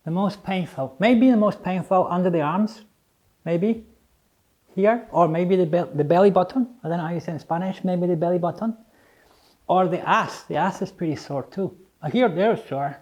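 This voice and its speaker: A middle-aged man with a Scottish accent and slightly slurred, toothless articulation, speaking reflectively and haltingly in an interview, often repeating phrases. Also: sits high, a little mellow. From Edinburgh, Scotland. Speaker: interviewee, English teacher.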